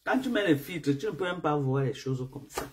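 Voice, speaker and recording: A woman live-streaming to her viewers, sleep-deprived from jet lag, who talks in an animated, repetitive way and keeps calling out to her audience. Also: sits low, normal speed, slight background noise.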